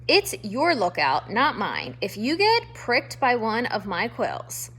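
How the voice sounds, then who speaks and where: A woman voicing a grumpy old male porcupine who talks loudly and insults everyone, in a storybook reading. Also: fairly high pitch, huge pitch swings, slow, slight background noise, exaggerated voice. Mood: gruff. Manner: loud, scornful, insulting. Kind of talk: storybook read-aloud.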